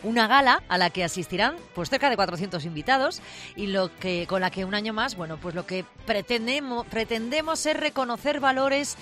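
A woman's voice: fairly high pitch, brisk, fairly bright tone, faint music behind. A woman hosting a radio interview, often repeating words as she searches for her phrasing. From Aragón. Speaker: radio host.

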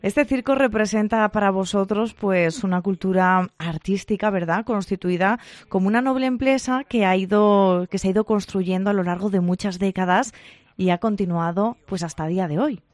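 A woman's voice: mid-range voice, moderate pace, a little mellow, no echo. A woman radio host, presenting and interviewing a guest in a chatty way with leading questions.

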